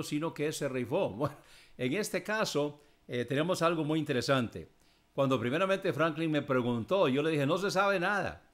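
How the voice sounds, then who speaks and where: A man with a mid-range voice answers listeners' questions about the Bible, reading scripture verses aloud and explaining them in a measured way.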